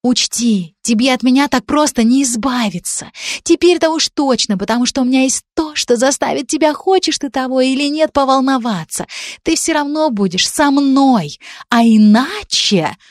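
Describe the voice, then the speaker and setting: A woman's voice: animated, normal speed, dry recording, clean studio sound. A woman voicing a furious, unhinged jealous young woman who hisses threats, in a storybook reading. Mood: jealous, threatening. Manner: shrill, hissing threats.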